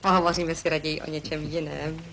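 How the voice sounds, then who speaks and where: An actress playing a proud, quarrelsome young landowner's daughter, scornful and quick to flare up, in 1960s television stage acting. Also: female voice, sits low, little pitch movement, noisy background. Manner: sharp-tongued, scornful, flares up into shouting.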